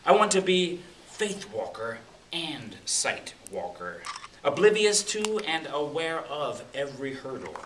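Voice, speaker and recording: A middle-aged American poet performs his own spoken-word work at a poetry reading in a public library room, his dramatic, rhythmic delivery swelling and dropping. His voice is a little high and a bit bright, sing-song and measured in pace. The mic is distant, the room echoes, and there's a faint hiss.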